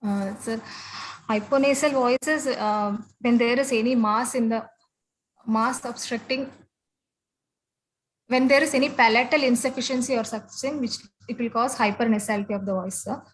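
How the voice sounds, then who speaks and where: A woman's voice: fairly high pitch, fairly even intonation, normal speed, slight background noise, poor audio. A young woman, a student presenting a case to an examiner, hesitant and deferential, constantly saying "yes, sir". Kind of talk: case presentation under questioning.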